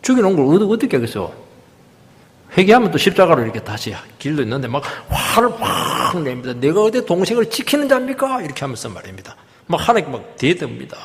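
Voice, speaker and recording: A male pastor preaching a sermon in a church, emphatic, swinging from loud rises down to hushed drops. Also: medium pitch, big pitch swings, fast talker. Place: church sanctuary. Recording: long hall reverb.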